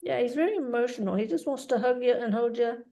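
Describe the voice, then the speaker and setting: A woman working as a medium, relaying a spirit's messages in a halting way, often repeating words. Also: fairly high pitch, animated, warm tone. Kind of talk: mediumship reading.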